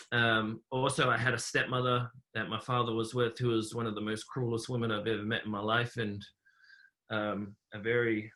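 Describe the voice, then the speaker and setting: A young man from New Zealand, a podcast guest telling his life story in a relaxed, rambling way with many fillers. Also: medium pitch. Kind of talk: casual conversational interview.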